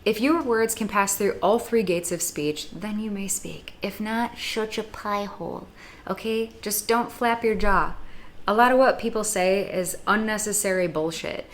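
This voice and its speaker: A woman's voice: mid-range voice, moderate pace. A young adult woman from the United States giving blunt, sarcastic advice in a casual vlog monologue, with dramatic asides. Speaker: YouTube vlogger.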